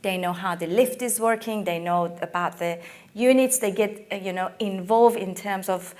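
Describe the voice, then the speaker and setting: Woman panelist, emphatic, many fillers, voice going hoarse, mid pitch. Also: normal speed, darkish tone. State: losing her voice. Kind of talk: conference panel discussion.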